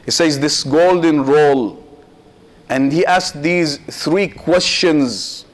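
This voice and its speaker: A man with a higher-pitched voice, a sheikh delivering a Muharram sermon, speaks in short, measured phrases with pauses. He addresses listeners directly, poses rhetorical questions, and weaves Arabic religious phrases into his English.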